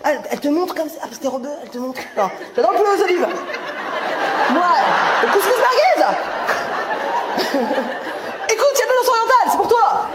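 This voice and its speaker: High-voiced woman teasing a live crowd. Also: big pitch swings. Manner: teasing, laughing, quick banter with the audience. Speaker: stand-up comedian. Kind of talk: crowd work on stage. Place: comedy venue with a live audience. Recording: echoey live room, audience noise.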